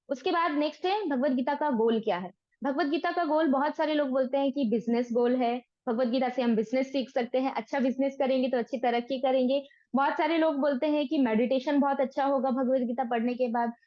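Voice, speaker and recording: A woman's voice: high voice, no room sound, dull audio. A woman teaching a devotional course in with in, explaining earnestly and asking and answering her own questions. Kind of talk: devotional class talk.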